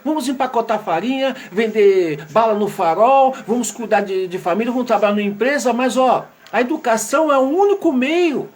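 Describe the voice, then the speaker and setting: A Brazilian man, an educator, telling a dramatic moral story and then preaching to parents and teachers, dropping low for the sad parts and rising with emphasis. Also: brisk, hardly any pauses. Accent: Brazilian Portuguese.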